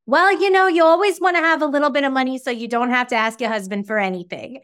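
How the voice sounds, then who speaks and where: A woman's voice: high-pitched, fast talker, fairly bright tone, clear, resonant tone, voice pushed up. A woman doing an impression of her elderly grandmother, a plainspoken, practical woman with a thick Long Island accent. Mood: matter-of-fact. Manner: thick-accented, matter-of-fact advice.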